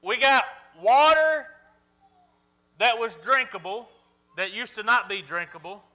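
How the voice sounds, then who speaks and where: High, sharp-voiced man preaching. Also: expressive, measured pace. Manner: emphatic, quizzes the congregation. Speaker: pastor. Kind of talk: sermon.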